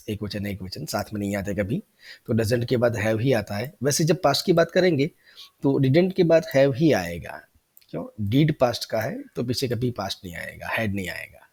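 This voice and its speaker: A man teaching an English grammar lesson, explaining patiently and repeating example sentences slowly. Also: mid-range voice, a little mellow, husky. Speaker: English tutor.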